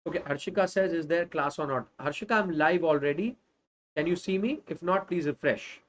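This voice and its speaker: A brisk man in his thirties with a North Indian accent and a fairly bright, higher-pitched voice teaches social science online. He delivers an emphatic live revision lecture to students, dropping Hindi phrases in as he goes.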